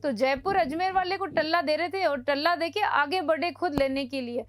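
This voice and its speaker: A woman gives a coaching lecture in a high, bright voice. She teaches with playful memory tricks and acts out small scenes to drive the facts home. The sound is dry and close to the mic, with no room echo. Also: moderate pace.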